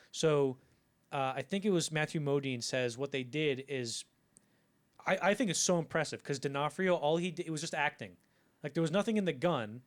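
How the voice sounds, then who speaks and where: Animated man telling film stories. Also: a little high. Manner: animated storyteller, acts out quotes, swears casually. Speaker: podcast co-host. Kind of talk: casual film podcast chat.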